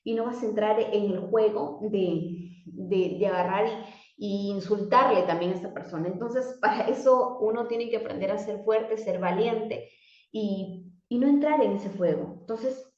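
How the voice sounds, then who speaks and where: A woman's voice: mid-range voice, measured pace, a little mellow. A woman coach giving a motivational talk, often putting questions to herself by name, with many restarts and fillers. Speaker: life coach. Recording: echoey room, dull sound.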